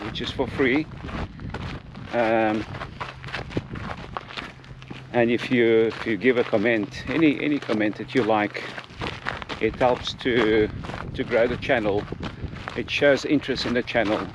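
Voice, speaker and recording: An earnest man hosts a casual hiking vlog, repeating phrases as he goes. His voice sits at a middling pitch, recorded outdoors with clear ambient noise around him. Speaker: vlog host. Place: outdoors on a walking trail.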